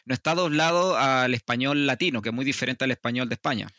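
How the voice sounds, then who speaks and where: A man's voice: mid-range voice, bright, forceful tone, no echo, studio quality. A man chatting casually, cracking jokes and jumping in. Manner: joking, quick interjections. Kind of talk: casual chat.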